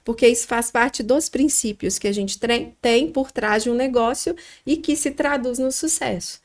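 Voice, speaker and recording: Reflective Minas Gerais woman, slightly high voice. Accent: Minas Gerais Brazilian Portuguese. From Minas Gerais, Brazil. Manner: reflective, pauses with frequent fillers. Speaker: guest, restaurant founder. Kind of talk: podcast interview storytelling.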